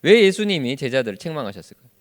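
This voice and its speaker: A man's voice: mid-range voice, very fast. A male pastor leading a Bible study sermon who keeps quizzing his congregation with questions. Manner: acts out quoted speech in lively voices.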